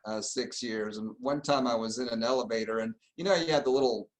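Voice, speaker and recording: A middle-aged Argentine plastic surgeon, appearing as a guest in a casual interview, explains things in a relaxed, conversational manner. His medium-pitched voice moves briskly, and the recording quality is low.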